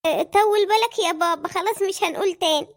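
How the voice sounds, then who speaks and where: A woman's voice: extremely high pitch, quick pace. A woman voicing a cheeky, boastful young boy in an Egyptian cartoon, with an Egyptian Arabic accent. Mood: worried. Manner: boastful, chatty. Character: cheeky clever young boy, mother's son.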